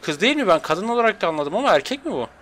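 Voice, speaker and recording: A man doing excitable, jokey live gameplay commentary at home, jumping to high squeals when he is chased. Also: rapid-fire, slight background noise. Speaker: gaming streamer. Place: home room with an open window.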